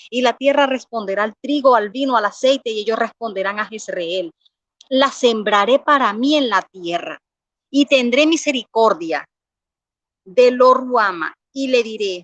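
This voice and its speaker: A woman's voice: a little high, a bit bright, dry recording. A woman giving an earnest personal faith testimony, reading scripture aloud and often repeating words as she pleads with listeners.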